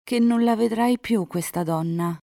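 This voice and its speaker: A tender young woman in love, earnest and emotional, put on by a female storybook reader. Her lines rise high and plead. The read is dry and close. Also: a little slow, vocal fry, dark tone, no room sound. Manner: earnest, emotional, rising pitch.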